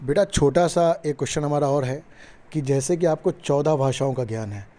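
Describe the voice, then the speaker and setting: A man's voice: fairly high pitch, moderate pace, dark tone. A man interviewing guests in a long-winded way, repeating filler phrases as he frames his questions.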